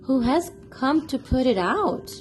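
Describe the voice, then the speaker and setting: With music playing behind her, a children's storyteller and channel host reads a picture book slowly and deliberately. Her expressive voice rises and falls in lively sweeps, and she pauses to ask the little ones questions.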